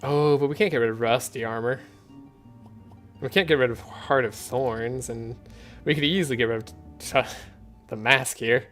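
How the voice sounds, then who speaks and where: Soft-spoken sleepy-voiced man streaming a game. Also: mid-range voice, moderate pace, soft background music. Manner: soft, sleepy, easygoing, chuckles often. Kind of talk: relaxed gameplay commentary.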